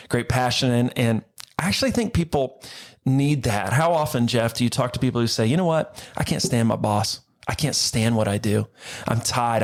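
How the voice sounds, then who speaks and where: An earnest young man who works as a worship pastor talks through his story in an interview. He speaks in an upbeat way, at a middle pitch, often restarting a phrase before pressing on. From Cincinnati area, Ohio. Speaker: worship pastor, podcast guest. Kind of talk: casual interview talk.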